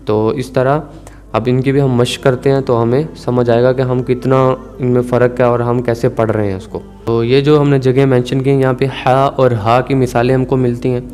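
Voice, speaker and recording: A man teaching Quran recitation rules, calmly explaining and slowly stretching out recited words to demonstrate. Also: mid-range voice, faint music behind. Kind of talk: tajweed lesson.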